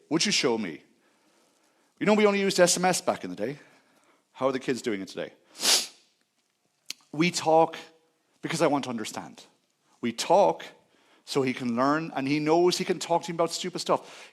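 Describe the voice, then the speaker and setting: Earnest middle-aged man giving a talk. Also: a little high. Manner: earnest, personal storytelling. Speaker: conference speaker. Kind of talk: conference talk. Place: conference stage.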